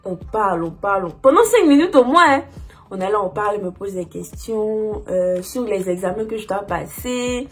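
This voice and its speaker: A young woman telling a personal story in a casual, chatty way, full of fillers, with a husky voice. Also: mid-range voice, expressive, normal speed, soft background music. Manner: chatty, lots of "genre" and "en fait" fillers.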